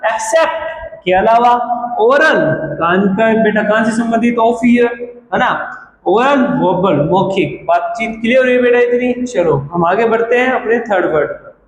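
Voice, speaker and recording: Male teacher, high voice, lecturing in a roomy classroom with noise behind. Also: normal speed. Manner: repeats questions to students, calls them beta. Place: classroom with a board. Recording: echoey room with background noise.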